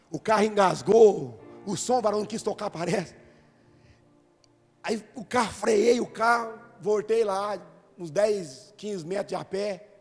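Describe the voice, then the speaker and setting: A Brazilian man with a high voice preaches a sermon. He tells a personal story, then builds to loud, fervent preaching. His voice rings through a large, reverberant hall with faint music underneath. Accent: Brazilian Portuguese. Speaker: pastor. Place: church hall.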